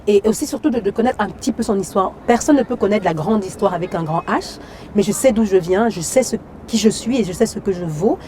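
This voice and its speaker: A woman from Cameroon, a stage actress and singer, talks casually as an interview guest outdoors in a city. Her voice is warm and mellow at a middle pitch. She talks in a lively way, leaning on fillers and checking in with "you see". A faint hum of traffic sits behind her. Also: brisk. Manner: lively, frequent fillers and "tu vois".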